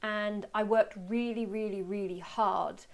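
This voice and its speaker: A British woman hosting a webinar in a chatty, informal, self-deprecating way, her voice slightly hoarse and giving out. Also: medium pitch, steady tone, measured pace, darkish tone. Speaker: webinar host and photography teacher. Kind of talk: casual webinar talk.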